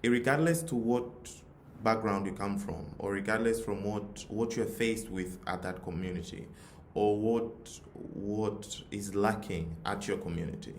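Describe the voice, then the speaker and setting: Speaking a little slowly in a fairly low voice, this Tanzanian-accented man delivers an earnest motivational talk built on a personal story, leaning on repeated phrases for emphasis. He leads a youth nonprofit and is addressing a forum. Roomy echo and noticeable background noise fill the recording.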